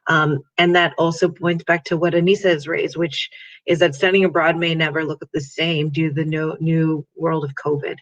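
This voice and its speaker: Male moderator, slightly high voice, dull lo-fi sound, loose rambling delivery. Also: little pitch movement, moderate pace, fairly bright tone. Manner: rambling, many "you know" fillers. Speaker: panel moderator. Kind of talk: moderating a discussion. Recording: dull lo-fi audio.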